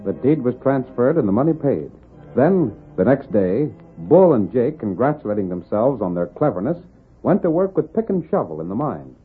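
A man's voice: medium pitch, very animated, moderate pace, phone-quality sound, natural voice. A man narrating an old-time radio drama. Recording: thin vintage radio recording. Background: faint music.

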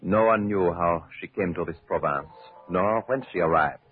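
A man's voice: sits low, moderate pace, faint music behind. A courtly Frenchman in an old radio show. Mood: storytelling. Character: genial middle-aged French mayor's son, storyteller. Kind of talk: 1940s radio drama acting. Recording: thin, phone-like old radio broadcast.

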